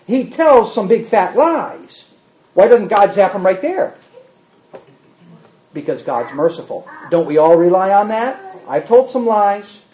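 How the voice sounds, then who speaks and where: A Bible class teacher whose voice sits high talks a little slowly, keeping things animated and conversational as he performs quotes and asks the room questions. It's recorded in a roomy, dull, lo-fi way.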